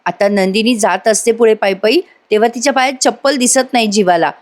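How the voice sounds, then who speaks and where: A woman with a fairly high voice gives a voice-over review of a TV serial. She retells the episode in a chatty, conversational, storytelling way. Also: fairly quick.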